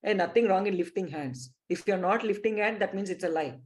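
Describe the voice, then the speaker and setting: A woman's voice: mid-range voice, brisk, a little mellow. A woman with an Indian English accent leading a live online spiritual class, speaking emphatically and addressing her listeners directly. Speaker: spiritual teacher.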